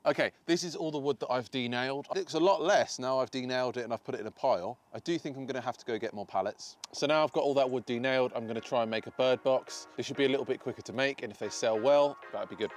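A British man in his thirties narrates his own woodworking video on a paved garden patio beside a field, offering casual, self-deprecating DIY vlog commentary. He talks fast in a mid-range voice with few pauses.

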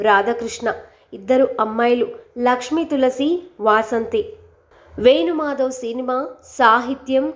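High-voiced female documentary narrator. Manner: even, formal reading.

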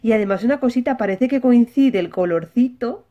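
On her children's toy channel, a Spanish-accented woman teaches a simple lesson, addressing small children and answering her own questions. Her voice is fairly high and a little fast, and the audio sounds narrow and tinny.

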